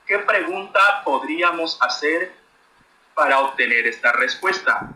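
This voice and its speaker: A man's voice: fairly high pitch, animated, a little slow, sharp tone, reverberant, low-quality recording. A man giving a friendly grammar lesson to children and asking them questions. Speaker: teacher.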